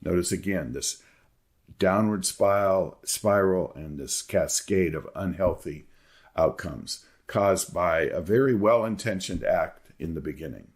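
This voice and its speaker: A man delivers an academic lecture in a low, deep voice. He is methodical, laying out his material in clearly numbered parts and stepping through each in turn. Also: unhurried.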